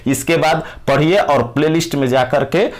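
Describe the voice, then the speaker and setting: A man's voice: fairly high pitch, fairly even intonation, moderate pace. A man teaching a physics lesson to exam students, explaining with everyday examples and repeating key words. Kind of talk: classroom lecture for exam students.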